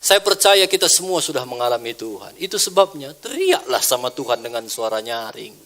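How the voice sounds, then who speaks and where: A male pastor, preaching a sermon in an animated way, dropping to soft asides and rising to loud exclamations. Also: medium pitch, a little fast. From Indonesia.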